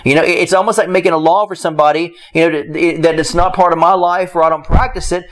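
A man's voice: a little high, fairly even intonation, fast talker. A man preaching on his podcast in a passionate, conversational way, acting out the voices of people he quotes. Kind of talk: podcast sermon.

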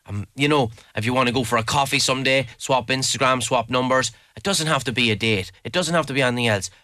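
An Irishman with a bright, forward voice at a middling pitch, recorded close and dry. He talks casually as an interview guest, with keen, emphatic enthusiasm, repeating words to press a point. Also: quick pace, no room sound. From Leitrim, Ireland. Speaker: interview guest, mountain adventure guide. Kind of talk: casual spoken interview answers.

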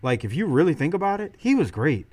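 A man's voice: a little high, big pitch swings, fast, darkish tone. A man hosting a wrestling podcast, giving casual, slangy match recap commentary. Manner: slangy, informal.

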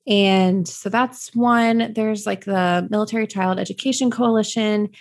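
A woman's voice: medium pitch, steady tone, a little slow. A young adult woman, a podcast guest, out of breath and talking casually with lots of fillers while she searches for words. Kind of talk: casual interview chat.

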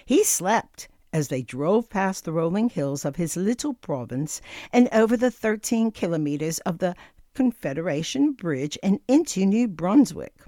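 Slow, animated woman reading to children. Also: fairly low pitch, no echo, studio quality. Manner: deliberate, expressive, addressing young children. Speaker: children's storyteller, host of a story time. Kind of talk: scripted storybook narration for children.

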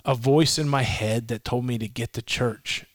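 A man's voice: medium pitch, fairly even intonation, normal speed, no echo, studio quality. A man in his forties, a ministry leader, tells his personal testimony in an earnest, rambling way, recorded at a home. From Massachusetts, raised in Florida. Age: 40s. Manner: earnest storytelling with restarts and self-quotes.

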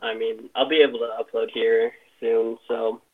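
A man calling in on his mobile phone, whose voice comes through with a tinny, metallic sound. He talks casually and haltingly, with plenty of fillers. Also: mid-range voice, little pitch movement, husky. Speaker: caller on a live stream. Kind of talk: casual chat.

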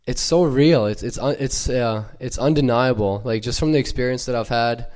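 Speaking in a mid-range, slightly mellow voice, a young man from Ukraine shares a heartfelt church testimony without any accent. His telling stumbles, full of fillers and fresh starts.

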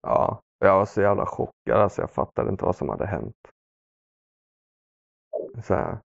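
Halting, gravelly man, subdued and low. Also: very animated, dry recording. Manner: halting, many fillers and pauses; subdued, sombre. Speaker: podcast guest. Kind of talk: personal story in conversation. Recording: dull, dry lo-fi sound.

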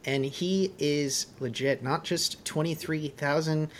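A man's voice: on the high side, fairly even intonation, slow, slight background noise. A man hosting a podcast, talking casually and often restarting and repeating his words as he wraps up the episode. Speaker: podcast host.

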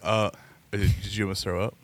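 Chill guy on a beer podcast, kinda low voice, dry close sound, swears casually. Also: flat delivery, moderate pace, no room sound. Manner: laid-back, swears casually, explains his reasoning. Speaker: podcast co-host. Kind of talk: casual chat.

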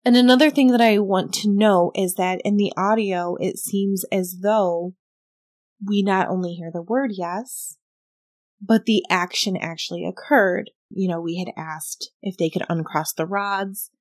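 A woman's voice: medium pitch, fairly even intonation, unhurried, no echo, studio quality. A woman hosting a casual talk about a paranormal investigation, thoughtful and explanatory, often hedging. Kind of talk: casual podcast chat reviewing audio.

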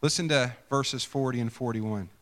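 A male pastor gives a chatty, conversational sermon, often restarting his sentences and tossing questions to the congregation. His voice is bright and forceful, and it rings with a long reverb in a church sanctuary. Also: mid-range voice, normal speed. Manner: chatty, self-interrupting, quizzes the congregation.

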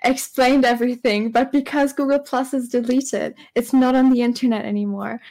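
A woman's voice: fairly high pitch, steady tone, moderate pace, a crowd in the background. A woman streamer chatting casually and hesitantly, with many ums. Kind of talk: casual chat.

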